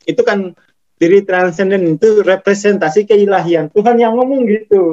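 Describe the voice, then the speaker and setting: Male spiritual teacher, Javanese accent, high and unhurried, laughs through his points, dull recording. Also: dark tone. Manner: chuckles often, acts out scolding inner voice. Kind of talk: casual spiritual talk.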